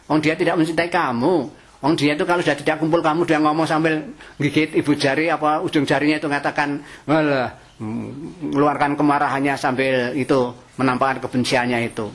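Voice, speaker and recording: A man gives a lively, conversational Quran study lecture, chanting Arabic verses between casual asides. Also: fairly high pitch. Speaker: Quran teacher.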